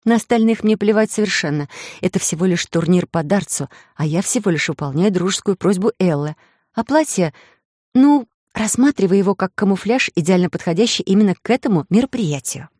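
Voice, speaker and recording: A woman's voice: mid-range voice, lively intonation, a little fast, a little mellow, dry recording, clean studio sound, close to an everyday voice. A woman voicing a playful, cunning young heroine in a romance audiobook, coy and teasing. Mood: sweet.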